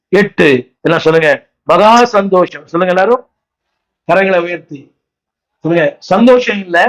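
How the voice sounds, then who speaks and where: Man, Tamil accent, pastor, high voice, exhorting, call and response. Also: a bit bright, low-quality recording. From India. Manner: calls on the congregation to repeat after him; repetitive, exhorting, asks the crowd questions. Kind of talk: sermon. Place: church.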